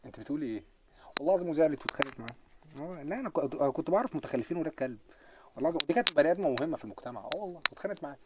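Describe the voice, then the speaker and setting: A man's voice: fairly high pitch, very fast, noisy background. A man with an Egyptian Arabic accent, hosting a casual live stream, reading out comments and joking with his viewers with lots of laughter. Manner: joking, animated, laughs often.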